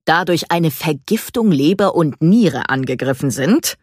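A woman's voice: sits low, lively intonation, measured pace, a little mellow, slightly rough, dry recording, clean studio sound, full character voice. A woman voicing a stern, evasive male veterinarian who speaks in a curt, lecturing way.

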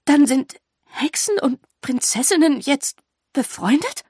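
A woman voicing a vain, excitable teenage girl who talks breathlessly and turns shrill when upset. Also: measured pace, no room sound, studio quality. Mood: incredulous.

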